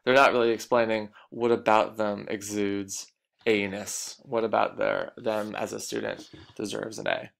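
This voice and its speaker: Guy lecturing on a recording, lowish gravelly voice, goes over stuff twice. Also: unhurried, fairly bright tone. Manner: explanatory, repeats key points. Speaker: teacher.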